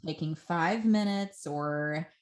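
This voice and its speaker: A woman's voice: low-pitched, takes it slowly, a little mellow. A woman hosting a podcast interview, speaking in a conversational, affirming way. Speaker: podcast host.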